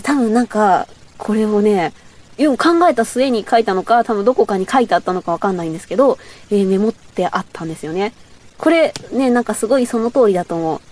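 A woman's voice: medium pitch, a little mellow. A young woman from Chiba with a Boso dialect, hosting a casual solo talk show, reading out her old memos in a rambling, self-mocking way. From Chiba, Boso area. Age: young adult. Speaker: radio show host.

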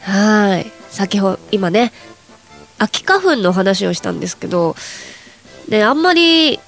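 A woman's voice: medium pitch, very animated, unhurried, creaky, soft background music. A young woman hosting a chatty solo radio show, her voice nasal and stuffed up from hay fever, rambling casually to her listeners. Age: young adult. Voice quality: nasal, congested.

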